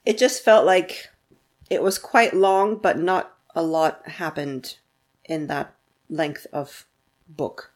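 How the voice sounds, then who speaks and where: A woman's voice: deep voice, steady tone, slow pace. A woman co-hosting a book podcast, chatting casually, laughing often, and reading a blurb aloud.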